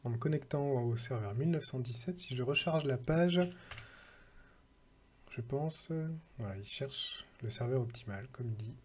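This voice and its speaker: A man's voice: mid-range voice, normal speed, a little hiss or hum. A man talking casually through a screen-recorded tech tutorial, thinking aloud and reading out numbers with hesitant fillers.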